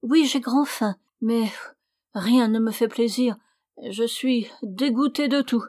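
A treacherous young maidservant pretends to be sick, her voice pitched high and whining, as a woman puts her on. She pleads and insists in a plaintive tone. The storybook recording sounds dry and close. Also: takes it slowly, darkish tone, no room sound. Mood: feigned sickly. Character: scheming young maidservant feigning sickness.

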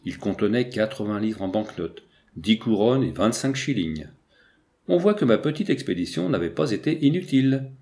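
A man narrating a first-person story as an audiobook reader, measured with lively emphasis. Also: lowish voice.

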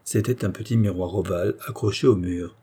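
A man calmly narrating a children's tale as an audiobook. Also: deep voice, a little fast, slightly rough.

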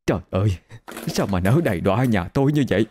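A man's voice: on the low side, expressive, quick pace, dark tone, a little hiss or hum. A man voicing a hysterical older woman who wails and blames others in a told ghost story. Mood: frantic wailing. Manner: wailing, frantic lament.

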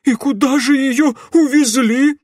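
A man voicing a flustered, evasive male mayor whose voice jumps high in alarm in an audiobook. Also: animated, a little slow, a little mellow, husky, dry recording, studio quality, heavily acted.

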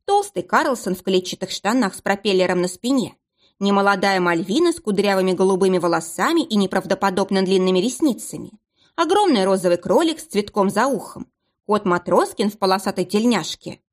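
A woman narrating an audiobook in an expressive reading manner. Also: medium pitch, a little fast.

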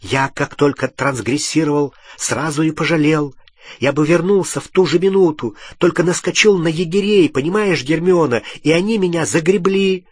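A man reading an audiobook, voicing a guilty, defensive teenage boy who pleads and shouts back. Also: a little high, normal speed, breathy edge, no echo, clean studio sound, pitched above the performer's own voice. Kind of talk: audiobook character voice.

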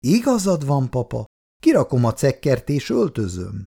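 A man reading aloud and voicing a brisk, bustling older working-class housewife who talks in a quick, chatty way. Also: mid-range voice, wildly swooping pitch, vocal fry, warm tone, husky, pitched above the performer's own voice, full character voice.

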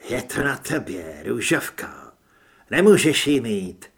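A man voicing a gruff, defiant werewolf man who talks in blunt, clipped phrases, with a husky voice. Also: mid-range voice, big pitch swings.

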